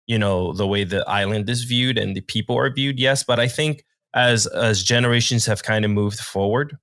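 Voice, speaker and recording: A man from Puerto Rico, a native Spanish speaker, co-hosting a podcast with measured, thoughtful talk. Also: on the low side, fairly bright tone, no echo. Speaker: podcast producer and co-host. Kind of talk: casual podcast chat.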